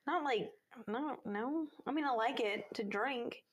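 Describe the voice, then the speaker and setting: A woman's voice: a little high, unhurried. A woman co-hosting a casual podcast chat, blunt and exasperated, with petty jokes. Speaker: podcast co-host.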